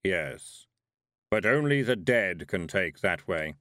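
A man doing Death, slow and grave. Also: low voice, lively intonation, fairly bright tone, no echo, studio quality, exaggerated voice. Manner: slow, measured, formal. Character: Death, tall skeletal male reaper, calm and courteous.

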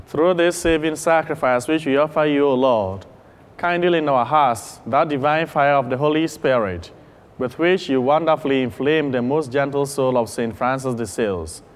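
A man's voice: mid-range voice, normal speed. A man, a priest, solemnly intoning the prayers of the Mass with a cathedral echo. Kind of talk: liturgical prayer. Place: large church. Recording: long echoing church reverb.

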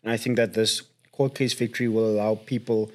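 A man's voice: lowish voice, level tone, brisk. A man hosting a podcast, talking casually and building his points earnestly, step by step. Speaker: podcast host.

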